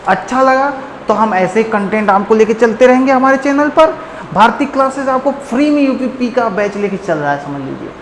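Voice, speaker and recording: A man teaching a Hindi grammar lesson in a playful, joking way, warmly calling his listeners friends and drawing out words to demonstrate them. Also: very high voice, normal speed. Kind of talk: online classroom lesson. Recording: echoey room with long reverb and faint noise.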